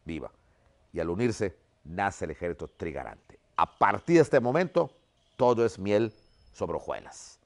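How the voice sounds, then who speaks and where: A man's voice: on the low side, measured pace, creaky. A man, a history teacher, giving a vivid storytelling lesson and often checking in with "¿ok?". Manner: keeps adding "¿ok?" as a check-in; vivid, animated retelling.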